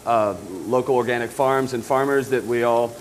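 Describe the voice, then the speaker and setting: A man's voice: mid-range voice, fairly even intonation, moderate pace, slight background noise. A man in his forties, a guest chef on a TV studio kitchen set, talking in an easygoing way and often repeating words as he cooks. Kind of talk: live TV cooking demo.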